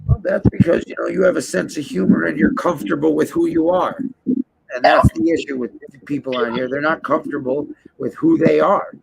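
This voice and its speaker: A man hosting a casual livestream chat, blunt and heavily profane in a buddy-like way, with a gravelly, creaky voice. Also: a little high, fairly even intonation, brisk. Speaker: host of a livestream. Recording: dull lo-fi stream audio, clear background noise.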